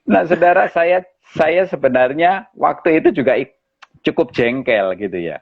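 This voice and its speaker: A man, a pastor, telling a personal story in an animated way during a live interview. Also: fairly high pitch, moderate pace, gravelly, slightly rough. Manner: animated storyteller, addresses listeners as brothers and sisters. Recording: dull lo-fi live-stream audio.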